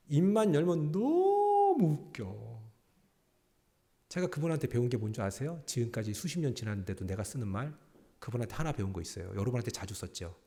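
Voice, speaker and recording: A man preaching a sermon as senior pastor, animated and joking, often quizzing the congregation. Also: medium pitch.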